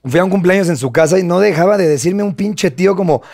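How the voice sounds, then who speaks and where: Mexican guy in his 30s, higher voice with gravelly fry, dry close sound, rambling slangy story. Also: fast, no echo. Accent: Mexican Spanish. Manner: slangy, animated, self-mocking storyteller. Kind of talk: casual storytelling chat.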